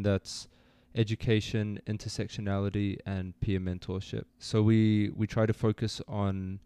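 A young man born in New Zealand, a student guest telling his story in a relaxed, easygoing way on an interview podcast. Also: lowish voice, clean tone, no room sound. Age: young adult. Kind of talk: casual interview.

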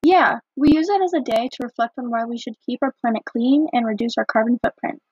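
A woman co-hosting a podcast in a casual, scripted chat, often filling with "like", recorded over a low-quality phone line. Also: fairly quick, darkish tone, slightly rough, no echo. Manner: chatty, fills with "like". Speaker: podcast co-host. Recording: muffled dry phone-line audio.

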